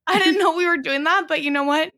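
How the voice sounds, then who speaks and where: A woman's voice: extremely high pitch, fast talker, sharp tone, no room sound, clean studio sound. A woman co-hosting a podcast in casual chat, wry and teasing, laughing often. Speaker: podcast co-host.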